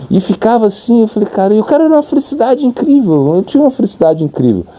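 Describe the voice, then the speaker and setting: A man's voice: high-pitched, big pitch swings, rapid-fire, a crowd in the background. A middle-aged man with a Brazilian accent, a monk giving an informal sermon who tells stories and acts out dialogue and sound effects. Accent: Brazilian Portuguese. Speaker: monk giving a spiritual talk.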